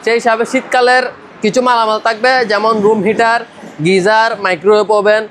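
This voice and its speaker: A man from Bangladesh, a shopkeeper making a sales pitch in a roadside shop, with repetitive selling patter. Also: little pitch movement, fairly quick, a bit bright. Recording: faint traffic noise. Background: traffic noise.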